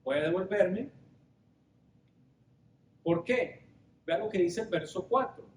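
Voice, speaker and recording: A man preaching a Bible study sermon to his congregation in an echoing church hall with a faint rumble behind. His voice sits high and he takes his time, putting question after question to the listeners. He unpacks Greek words patiently. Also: lively intonation, darkish tone. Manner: rhetorical, explaining Greek words slowly.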